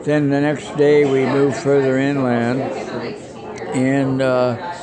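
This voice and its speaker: A man in his nineties, a war veteran, recalling his experiences in a plain-spoken, halting way. The interview was captured as a low-quality field recording. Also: completely flat delivery. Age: 90s. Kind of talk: oral history recollection. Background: crowd chatter.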